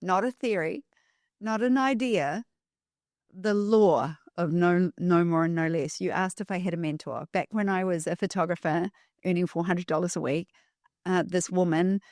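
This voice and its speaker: Low-voiced woman telling an emphatic story. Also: darkish tone, no echo, clean studio sound. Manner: emphatic, repeats key phrases for effect. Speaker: podcast guest. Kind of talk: storytelling in an interview.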